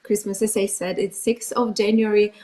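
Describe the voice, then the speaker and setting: A woman from Russia with a Russian accent, a guest singer chatting in an interview and pausing often with fillers. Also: medium pitch, fairly even intonation, dark tone, rough recording. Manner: hesitant, many fillers. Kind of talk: casual interview chat.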